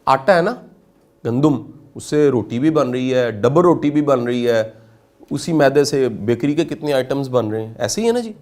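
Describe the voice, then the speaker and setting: A middle-aged man from Pakistan speaks in a mid-range voice during a spirited motivational lecture, frequently asking his listeners questions.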